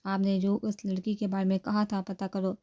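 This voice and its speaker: A woman's voice: mid-range voice, completely flat delivery, mellow, natural voice. A woman reading as a respectful young male assistant. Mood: eager. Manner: respectful, says sir often. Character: young male employee, eager assistant reporting to boss.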